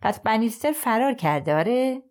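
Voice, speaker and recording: A woman's voice: fairly high pitch, expressive, a little mellow, pitched above the performer's own voice, close to an everyday voice. Woman voicing a smirking defiant prisoner. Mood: taunting. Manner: mocking, taunting.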